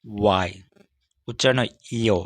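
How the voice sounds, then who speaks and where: A man giving a steady, measured lesson as an English teacher, walking through letters one by one. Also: fairly low pitch, dry recording. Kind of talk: scripted lesson on English consonant sounds.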